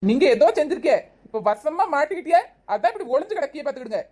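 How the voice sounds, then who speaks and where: A woman playing a brisk, sarcastic young daughter-in-law in a village comedy sketch. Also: high voice, lively intonation, a little mellow. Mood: bossy.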